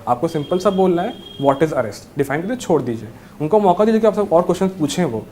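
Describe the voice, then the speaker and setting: A man's voice: on the high side, lively intonation, fairly quick, darkish tone, a little hiss or hum. Friendly young man giving advice. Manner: friendly, reassuring, mixes English words into Hindi. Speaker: interview guest, newly selected civil judge. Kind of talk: casual interview advice.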